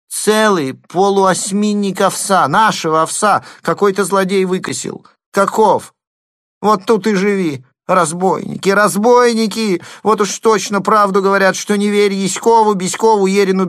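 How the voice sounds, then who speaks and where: A man's voice: fairly high pitch, moderate pace, a bit bright, no room sound, pitched above the performer's own voice, close to an everyday voice. A greedy young man with a lisp whines and wails in a thin, raised voice, as a male narrator puts him on. He pleads and complains as if close to tears. The storybook reading sounds dry and close. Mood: wailing. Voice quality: lisping. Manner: wailing, near tears.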